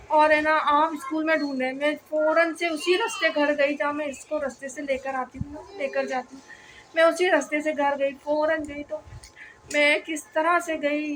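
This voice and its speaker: पाकिस्तानी उर्दू लहजे वाली एक महिला, जो वीडियो में अपने बच्चे के स्कूल से गुम होने की घटना भावुक होकर सुनाती है, बातें दोहराती है और संवाद उद्धृत करती है; पीछे हल्का शोर है।. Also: female voice, high voice, a bit bright, a little hiss or hum. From Pakistan. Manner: retells events with quoted dialogue, repeats phrases. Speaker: vlogger mother. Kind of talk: emotional storytelling vlog.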